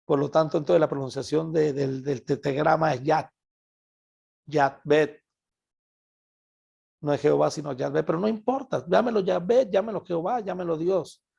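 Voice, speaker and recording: A man from Venezuela with a Venezuelan Spanish accent, preaching a Bible study sermon in an animated way and repeating words for emphasis. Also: on the high side, fairly quick, vocal fry, breathy edge, dull audio.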